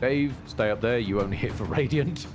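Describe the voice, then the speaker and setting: A man's voice: medium pitch, normal speed. A man giving casual gameplay commentary as a streamer. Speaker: video game streamer. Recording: game music clearly behind voice. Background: game music.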